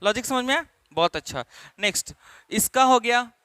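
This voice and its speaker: Male classroom teacher, high and bright, emphatic drilling delivery, dry close sound. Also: expressive, clean tone, dry recording. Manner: repeats questions to drill students; emphatic, stretches key words slowly. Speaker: English teacher. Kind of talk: classroom lesson in Hindi.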